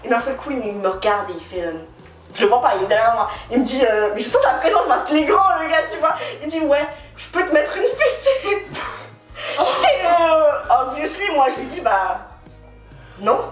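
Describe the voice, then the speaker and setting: A young woman casually telling dating stories, animated and laughing often as she talks. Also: sits high, a little fast, echoey room, distant mic, soft background music. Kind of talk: casual storytelling.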